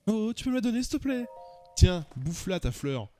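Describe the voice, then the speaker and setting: A man's voice: high-pitched, very animated, fairly quick, mellow, faint music behind, voice pushed up. A man voicing a shy, lovestruck young man who is nervous and dreamy, reading the game dialogue aloud with earnest sighs.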